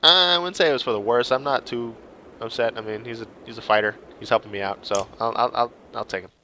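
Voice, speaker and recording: A man's voice: mid-range voice, brisk, bright, forceful tone, a little hiss or hum. A young man hosting a let's play, reading game dialogue and making playful casual remarks. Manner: playful, joking.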